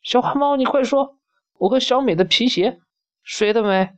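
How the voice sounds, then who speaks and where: A reader voicing a quick-tempered little girl who shouts in a shrill, loud voice in a storybook reading. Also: lightly acted. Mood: angry. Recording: dull lo-fi recording.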